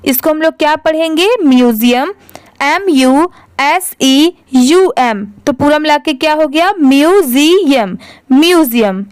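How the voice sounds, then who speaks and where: A woman's voice: high-pitched, no room sound, clean studio sound. A woman teaching a reading lesson, spelling words out letter by letter and asking and answering her own questions.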